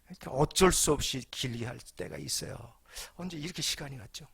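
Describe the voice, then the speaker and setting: Older male senior pastor, husky and gravelly, preaching with humor and rhetorical questions. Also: mid-range voice, a little fast, fairly bright tone, no echo. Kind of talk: sermon.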